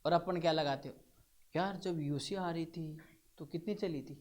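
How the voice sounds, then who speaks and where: A man's voice: a little high, moderate pace, a little mellow. Man teaching a physics class. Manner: questioning students step by step. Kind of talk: classroom lecture.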